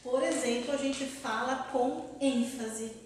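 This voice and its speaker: A woman's voice: sits high, slow pace, a little hiss or hum. A woman professor giving a lecture to an audience, quizzing the room and laughing often as she explains. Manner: lively, asks the audience questions, laughs often. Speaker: university professor giving a talk. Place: lecture hall. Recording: loud echoey hall, far from mic.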